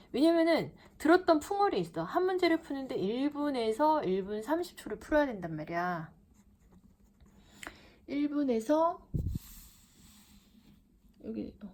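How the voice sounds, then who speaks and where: Lively Korean woman teaching English reading. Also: a little high. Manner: animated, reads sentences aloud in chunks; calls herself teacher, talks to students directly. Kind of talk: lecture explaining reading.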